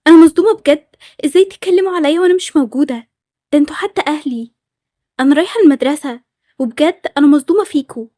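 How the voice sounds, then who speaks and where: A woman's voice: high voice, rapid-fire, mellow, no room sound, studio quality, lightly acted. A woman with an Egyptian accent voicing a touchy, suspicious schoolgirl who keeps accusing people. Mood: indignant. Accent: Egyptian Arabic. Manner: accusing, indignant. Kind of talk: storytelling over animated game scenes.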